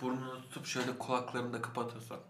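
A man's voice: medium pitch, completely flat delivery, fast, fairly bright tone, echoey room, a little hiss or hum. A man co-hosting a casual podcast, joking and laughing along with the others. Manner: jokey, laughing.

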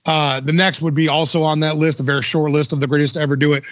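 A man's voice: on the high side, level tone, fast, a bit bright, dry recording, studio quality. A man hosting a podcast in casual chat, enthusiastic and full of slang like dude and bro. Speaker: podcast host.

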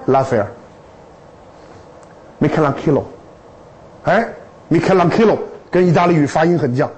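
A man lecturing to students in a lively, humorous way, with stories and rhetorical questions. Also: fairly high pitch, moderate pace, breathy edge, poor audio.

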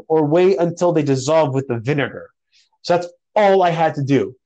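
A young man telling a story in a casual podcast chat, animated and slangy, calling people bro and dude. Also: fairly high pitch, poor audio.

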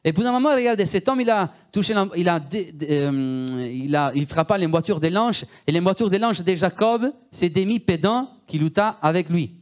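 An animated Italian-born man preaches at a normal speed, barely pausing, his heavy Italian accent strong throughout. His voice sits a little high for a man. Emphatic by nature, he repeats words and often turns to his listeners with questions.

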